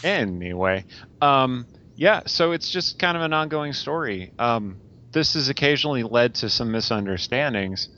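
A man's voice: mid-range voice, lively intonation, moderate pace, bright, forceful tone, highs cut off. A man, a novelist guest, chatting casually on a podcast with lots of ums and a self-deprecating humor.

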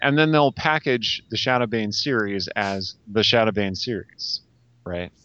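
A man's voice: fairly low pitch, steady tone, unhurried, bright, forceful tone, clean tone, lo-fi sound. A man, a novelist guest, chatting casually on a podcast with lots of ums and a self-deprecating humor.

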